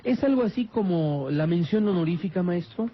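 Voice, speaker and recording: A high-pitched man with a Mexican accent hosts a radio call-in show and reads listener questions in a formal tone. His voice is husky, and the broadcast sounds dull and lo-fi. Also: animated, moderate pace. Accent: Mexican Spanish.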